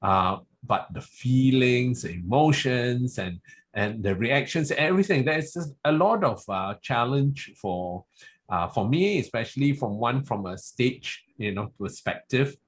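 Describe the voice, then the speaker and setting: Husky-voiced man, searching for words. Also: medium pitch, lively intonation, measured pace. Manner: searching for words, stammering restarts. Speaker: amateur actor. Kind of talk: panel answer.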